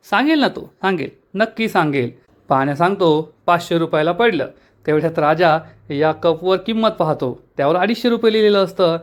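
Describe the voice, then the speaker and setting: A man narrating a recap of a TV serial episode, reading out the characters' lines as he retells the story. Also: a little high.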